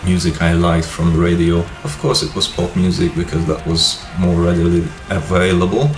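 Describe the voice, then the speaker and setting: A man in his fifties, originally from Hungary, hosting his own vlog and telling his life story in a relaxed, rambling way. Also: low voice, normal speed. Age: 50s. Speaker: YouTube channel host. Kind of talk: casual personal vlog talk. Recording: echoey room with music behind.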